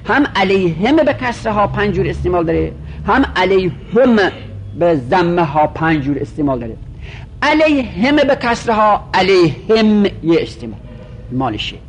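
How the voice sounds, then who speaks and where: A male teacher with a high, very animated voice gives a methodical grammar lecture. He lists the forms one at a time, stretching out the example words, while faint noise sits under him.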